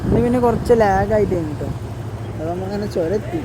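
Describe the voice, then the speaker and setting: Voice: medium pitch, fast. A travel vlogger with a Kerala accent chatting casually to viewers in Malayalam mixed with frequent English words. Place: outdoors on roadsides during a bike trip. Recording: loud outdoor traffic and vehicle noise.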